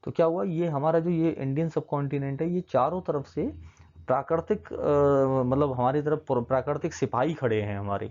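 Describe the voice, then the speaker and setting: A man's voice: a little high, normal speed, darkish tone. A male teacher giving a recorded classroom lecture to children, walking through a map and often checking in with them, mixing English terms into his explanations. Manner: coaxing, keeps checking in with the children. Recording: dull lo-fi sound.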